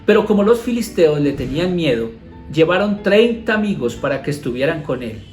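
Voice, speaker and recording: Colombian pastor teaching, echoey room. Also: male voice, a little high, big pitch swings, brisk. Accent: Colombian Spanish. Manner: reads the passage then explains it with rhetorical questions. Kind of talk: Bible teaching, reading scripture aloud. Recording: echoey room with soft guitar music behind.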